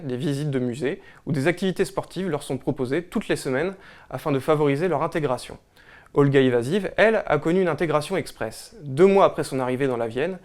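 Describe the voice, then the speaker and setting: A man hosting a local weekly newspaper show, presenting the issue and then interviewing a guest with hesitant questions. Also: fairly high pitch. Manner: brisk read-through, then hesitant questions. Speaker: host.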